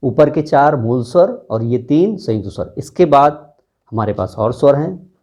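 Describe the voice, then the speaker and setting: A man hosting his own channel, teaching a Hindi grammar lesson slowly and deliberately, stretching out sounds to demonstrate them. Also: mid-range voice, animated, a little mellow, breathy edge.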